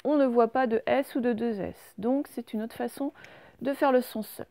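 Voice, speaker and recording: A woman teacher giving a recorded reading lesson to young children, sounding out each word slowly and patiently. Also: on the high side, warm tone, dry recording. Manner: slow, carefully sounded-out words. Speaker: primary school teacher.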